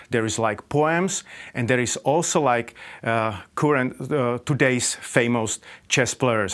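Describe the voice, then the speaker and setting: A man from Slovakia giving a conference presentation about chess events, halting, with many fillers. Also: medium pitch, a bit bright.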